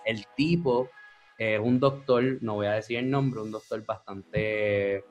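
Animated man telling a story. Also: lowish voice, takes it slowly, soft background music. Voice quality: animated, mixes English words. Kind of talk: casual storytelling chat.

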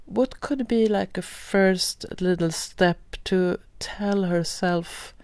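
A woman podcast host, asking gentle, hesitant interview questions. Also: fairly low pitch, takes it slowly, smooth, no room sound.

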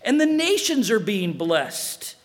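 A man preaching a sermon as pastor in an animated way, acting out dialogue. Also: high-pitched, slow pace, long reverb tail.

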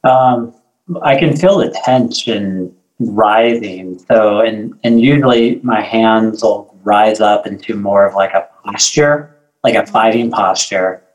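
A man as podcast host, talking in a measured, reflective way. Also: lowish voice, highs cut off. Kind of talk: casual conversation.

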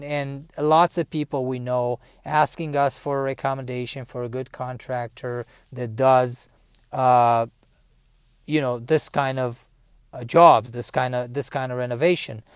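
A man's voice: mid-range voice, clear, resonant tone, no room sound, studio quality. A man telling a personal story in a casual monologue, rambling with many fillers and restarts.

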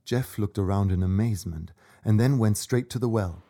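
A man reads a children's story as narrator. His voice sits fairly low and has a dark, relaxed tone suited to scripted storytelling. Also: normal speed.

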